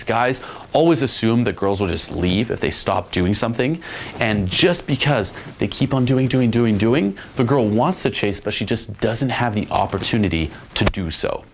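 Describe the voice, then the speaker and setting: A man's voice: on the low side, a little hiss or hum. A man giving a casual, blunt dating lesson, swearing freely as he explains. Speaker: dating coach. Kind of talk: instructional monologue.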